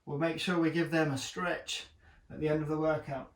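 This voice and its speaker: Breathless fitness trainer in an echoey room. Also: male voice, on the high side, flat delivery, normal speed, far from the mic. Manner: encouraging, joking, breathing hard between exercises. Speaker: personal trainer. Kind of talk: talking through a home workout.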